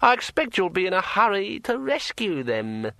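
A man voicing a pushy talking magic sword in a high, ringing, drawn-out voice. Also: wildly swooping pitch, gravelly, bright, forceful tone, no room sound, full character voice. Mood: bossy. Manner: slow and drawn out.

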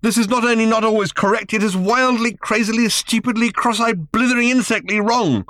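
A man's voice: big pitch swings, a little fast, no room sound, clean studio sound, close to an everyday voice. A man voicing Arthur, a weary, sarcastic human man, in an audiobook reading. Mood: exasperated. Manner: shrill, sarcastic outbursts. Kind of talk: audiobook character voice.

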